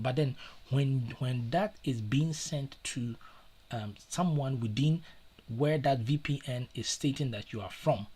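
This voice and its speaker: A man's voice: medium pitch, a little mellow, breathy edge. A man hosting a live stream and giving casual advice in an earnest, repetitive way, with many fillers and restarts. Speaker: livestream host.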